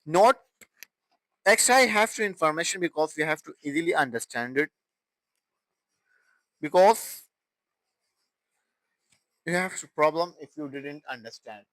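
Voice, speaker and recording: A young man teaching English grammar in a fairly high voice. He talks very slowly and deliberately and repeats each example sentence. The sound is dry and close, with no room echo. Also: fairly bright tone. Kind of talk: grammar lesson.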